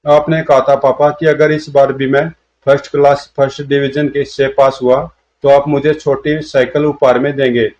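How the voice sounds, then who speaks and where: A man's voice: mid-range voice, little pitch movement, normal speed, a little mellow, close to an everyday voice. A man voicing an old man over seventy who whines and pleads like a six-year-old boy, in a comic storybook reading. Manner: childlike, whiny pleading. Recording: dull lo-fi audio.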